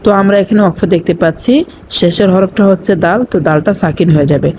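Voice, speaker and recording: A woman teaching Quran recitation rules to viewers. She spells out each letter and vowel mark, then recites the word slowly, stretching its sounds, and explains the rules in between. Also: fairly low pitch, noisy background. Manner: addresses viewers directly and checks understanding. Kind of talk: tajweed lesson with spelled-out recitation.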